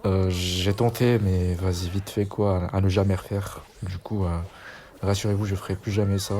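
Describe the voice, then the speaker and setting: A man's voice: low-pitched, little pitch movement, normal speed, mellow, a little hiss or hum. A young man giving casual, chatty gameplay commentary as a gaming YouTuber, self-mocking and slangy.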